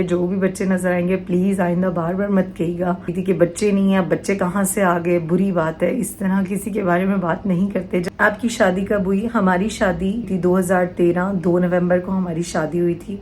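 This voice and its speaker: A woman's voice: on the low side, darkish tone, slight background noise, poor audio. Emotional woman pleading to camera. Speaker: vlogger answering viewer questions. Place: small hot room indoors at home. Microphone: camera in front of her. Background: faint household sounds from outside.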